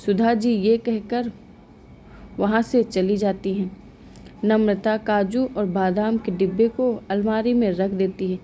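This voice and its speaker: Slow, mellow woman storyteller. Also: mid-range voice, fairly even intonation, slight background noise. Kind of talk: scripted story narration.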